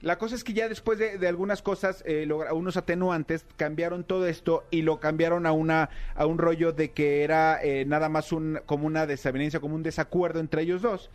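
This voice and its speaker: A Mexican man hosting a radio show tells a story with lively, playful energy. His voice sits a little high, and faint music plays underneath. The talk is loose and casual, and he drops into silly mock accents. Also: brisk, few pauses. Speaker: radio host. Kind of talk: casual chat.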